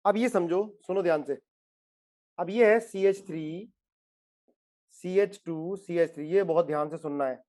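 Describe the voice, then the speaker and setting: A man's voice: high voice, unhurried, pauses often, darkish tone. A man teaching a chemistry lesson, asking his students questions again and again and coaxing them to answer. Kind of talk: classroom lecture.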